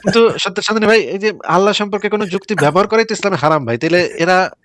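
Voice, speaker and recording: A man hosting a live stream, commenting quickly and mockingly with rhetorical questions. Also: high-pitched, fairly bright tone, no room sound, studio quality.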